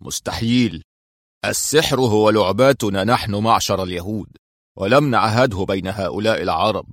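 A man voicing gruff, harsh male prison guards who bark and shout in a dramatic audiobook. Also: on the low side, normal speed, dry recording, clean studio sound, lightly acted.

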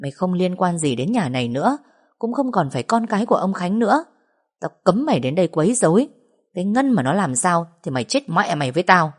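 A woman's voice: on the low side, big pitch swings, fairly quick. A woman voicing a fierce, protective older sister who harshly scolds a younger woman. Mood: harsh scolding. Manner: scolding, rough.

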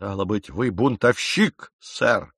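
A man's voice: fairly low pitch, slow pace, vocal fry, no room sound, clean studio sound, exaggerated voice. Man reading as a raging ship captain. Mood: furious. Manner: shouting, raging, commanding. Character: furious domineering ship captain, middle-aged man.

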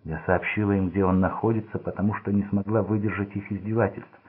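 A man's voice: on the low side, flat delivery, a little fast, breathy edge. A man reading the lines of a frightened, desperate young woman held captive, pleading and distraught, in a storybook. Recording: phone-like narrow band.

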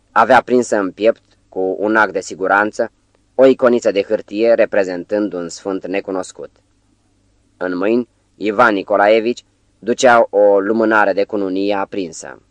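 A man narrating an audiobook in a measured, even storytelling manner. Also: on the low side, no room sound. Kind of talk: scripted narration.

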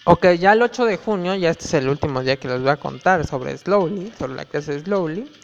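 A man's voice: a little high, expressive, fairly quick, gravelly, slight background noise. A young man telling gossipy student stories in a chatty way full of fillers. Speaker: student vlogger. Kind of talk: casual storytelling. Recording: dull lo-fi with reverb, faint music.

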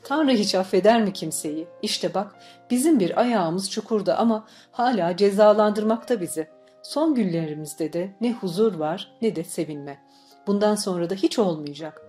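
A woman reading the lines of a stern, bitter old grandfather in an audiobook, with gruff outbursts, over faint music. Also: mid-range voice, lively intonation, moderate pace, warm tone, close to an everyday voice.

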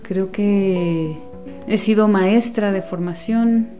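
A woman in her forties from Guatemala, a guest speaking softly in an interview and searching for words with many pauses and restarts. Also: mid-range voice, faint music behind. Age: 40s. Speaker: guest, women's companion and former teacher. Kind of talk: unhurried interview talk.

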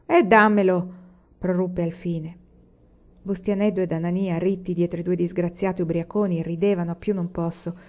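Woman narrating a classic novel, lowish voice. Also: mellow, highs cut off. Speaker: audiobook reader. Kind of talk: literary audiobook narration.

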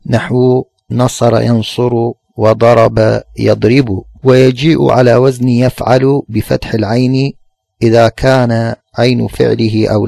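Creaky-voiced man giving a formal lesson. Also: mid-range voice, a little mellow, no echo. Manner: formal, measured, explanatory, slows on examples. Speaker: teacher of Arabic morphology. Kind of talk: recorded classroom lesson, reading and explaining a text.

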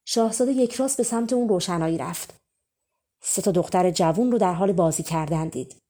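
A woman with a fairly low voice reads a fairy tale aloud as an audiobook narrator. She tells it gently, in an easygoing storytelling way. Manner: gentle storyteller, colloquial Persian.

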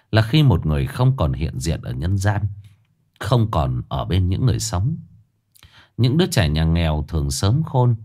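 A male storyteller reads a ghost story with dramatic, expressive delivery. His voice sits fairly low yet moves up and down with lively swings.

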